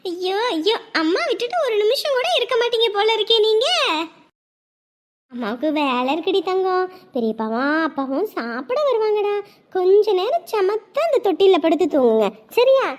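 A woman playing a cooing young mother. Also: extremely high pitch. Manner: soft, cooing, sing-song. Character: young mother lulling her crying baby. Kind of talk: Tamil family drama acting.

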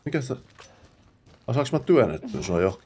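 A man's voice: mid-range voice, sing-song, mellow, slight background noise. A man hosting a let's play, chatting to himself as he plays and dropping English exclamations and curses. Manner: chatty self-talk, mutters while playing. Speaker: gamer host.

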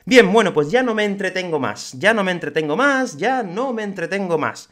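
A man from hosts a grammar lesson for learners, his voice sitting a little high and swinging widely in pitch. He slows right down for each example sentence and leans hard on the words that matter. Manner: slow, clear delivery of examples with lively emphasis. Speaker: Spanish teacher and podcast host. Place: home, moving to his terrace.

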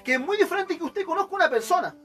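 Animated high-pitched Chilean preacher man. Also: fast, soft background music. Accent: Chilean Spanish. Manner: animated, acts out examples of church members. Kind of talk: evangelical sermon.

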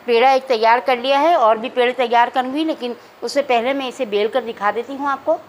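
A cooking channel host with a high, clear voice briskly guides viewers through a home recipe step by step in her home kitchen, speaking calmly and instructively and addressing her audience directly. The recording is rough, with a faint hiss beneath it.

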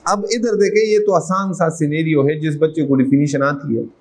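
A man's voice: on the high side, steady tone, moderate pace, a little mellow, poor audio. A middle-aged man with a Pakistani accent teaching an accounting class, reading out English legal text and quizzing his students as he goes. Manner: mixes English legal text into Urdu explanation, asks students questions. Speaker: accounting lecturer. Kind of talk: classroom lecture.

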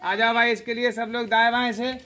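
A woman teacher leading a children's group game, calling out words loudly and often half-shouting, and teasing the players playfully. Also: on the high side, flat delivery, fairly quick, noisy background.

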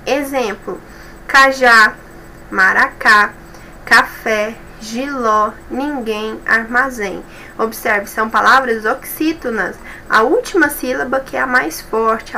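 A woman's voice: fairly high pitch, bright, forceful tone, slight background noise, poor audio. A Brazilian woman teacher explaining grammar rules in an online review lesson, patient and methodical, often checking in with her students. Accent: Brazilian Portuguese. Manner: patient, explanatory, checks in with tags like "certo?" and "tá bom?".

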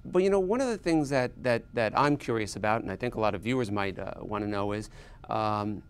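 A man in his fifties interviewing a guest in a studio, often halting and repeating words as he starts his questions. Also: on the low side, slight background noise. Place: small studio set with armchairs.

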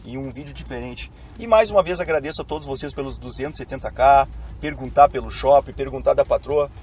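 This time his mid-range voice comes out quick and somewhat dark. The young Brazilian vlogger, with a gaucho accent from Rio Grande do Sul and a cold-roughened throat, drives through the city talking casually to his viewers. The camera is mounted on the dashboard.

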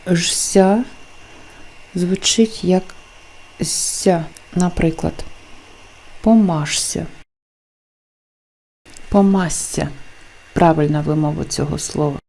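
Woman teacher, slow and deliberate, careful enunciation of examples. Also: low voice, fairly even intonation, creaky, dark tone. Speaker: language teacher. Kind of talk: explaining phonetics lesson.

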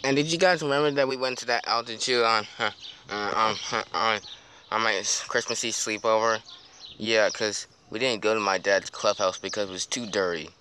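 A man's voice: lowish voice, fairly even intonation, normal speed, pushed and bright. A young man improvising playful, casual, slangy dialogue for plush toys, recorded outdoors on a handheld device. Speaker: puppeteer voicing plush toys. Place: grassy backyard outdoors. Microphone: handheld phone or camera close by. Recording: outdoor handheld recording with clear background noise.

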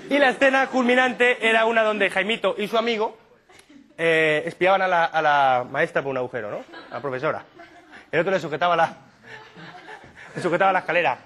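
A man from doing a stand-up comedy monologue, telling absurd stories in a deadpan way and slipping into quick silly impressions. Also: high-pitched. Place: comedy stage before a live audience.

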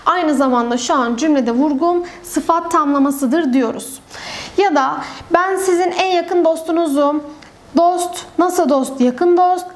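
A young woman with a high voice teaches a grammar lesson online. She explains things step by step, posing questions and then answering them herself.

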